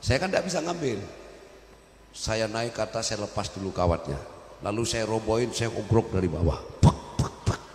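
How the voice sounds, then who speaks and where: A man's voice: lowish voice, expressive, brisk. A man preaching to a congregation, emotional and impassioned, recorded in a large hall. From Madurese family. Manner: emotional, rising to loud impassioned pleading. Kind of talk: sermon. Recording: echoey hall with long reverb.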